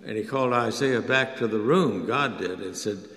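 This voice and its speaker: A man preaching a sermon, telling scripture stories and acting out the prayers and words of the people in them. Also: a bit bright. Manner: slow, storytelling, acts out prayers and quotes with rising pitch. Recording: echoey hall with long reverb.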